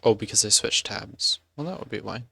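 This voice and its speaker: A man's voice: fairly low pitch, brisk, gravelly, bright, forceful tone, breathy edge, no echo. A man streaming a game and chatting casually, rambling and correcting himself as he goes. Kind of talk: casual live-stream chat.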